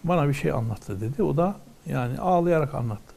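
A man's voice: on the high side, animated, a little fast, vocal fry, a little mellow. A man teaching from a religious text, reading ornate old wording aloud and then explaining each phrase in plain words.

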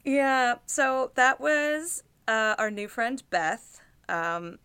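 A woman hosting a podcast, chatting casually in an unhurried, hesitant way with fillers. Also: on the high side, animated, bright, forceful tone, clear, resonant tone, dry recording. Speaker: podcast host. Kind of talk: casual chat.

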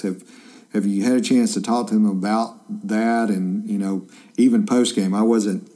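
A mellow, fairly low-pitched man in his fifties, a journalist hosting a casual interview. He's chatty and rambling, full of fillers and restarts.

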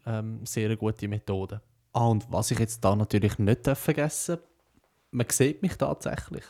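A man's voice: mid-range voice, creaky, mellow. Young Swiss German man hosting a podcast. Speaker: podcast host, broadcaster intern. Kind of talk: casual podcast monologue.

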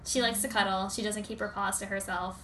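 A woman's voice: medium pitch, flat delivery, brisk, fairly bright tone, slight background noise. A young adult woman co-hosting a podcast, telling stories casually and peppering her talk with "like". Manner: frequent "like" as filler. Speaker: podcast co-host. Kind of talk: casual chat and storytelling.

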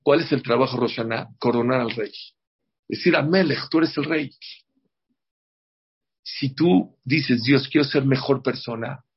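On a dull lo-fi recording, a man with a mid-range, breathy voice gives an unhurried religious class to a group before a holiday, leaving long pauses. He is emphatic, repeats words, and frequently checks with "ok?".

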